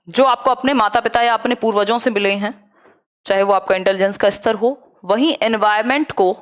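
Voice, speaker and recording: A young woman with a Hindi accent leads a live online exam-prep lesson. Her voice sits a little high, and she keeps asking rhetorical questions while mixing English terms into her explanations. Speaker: teacher.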